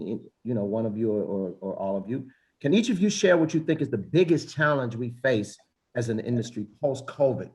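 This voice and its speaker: A man's voice: mid-range voice, darkish tone. Upbeat man moderating a panel. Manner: upbeat, many fillers and restarts.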